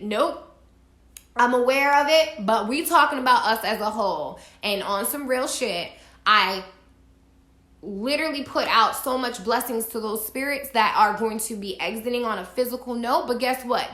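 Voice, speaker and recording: A woman's voice: fairly high pitch, bright, forceful tone. A woman vlogging from home, giving emphatic, preachy spiritual advice straight to her viewers and swearing casually. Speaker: astrology vlogger. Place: indoors at home. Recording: echoey room.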